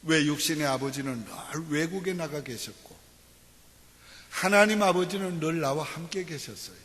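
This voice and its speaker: A man's voice: fairly high pitch, lively intonation, moderate pace, a bit bright, in a large hall. Man preaching with call-and-response. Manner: call-and-response preaching, repeated "예" and questions to the congregation. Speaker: pastor. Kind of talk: sermon. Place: church sanctuary.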